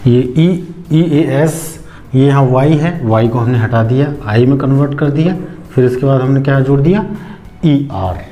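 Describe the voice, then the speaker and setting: Mellow-voiced man teaching grammar. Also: mid-range voice. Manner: slow, step-by-step explanation with rhetorical questions. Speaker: English teacher. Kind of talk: explaining grammar on a whiteboard.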